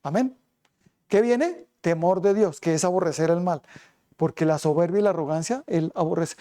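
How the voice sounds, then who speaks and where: Mellow-voiced man preaching a sermon. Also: high-pitched. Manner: preaching with rhetorical questions. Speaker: pastor.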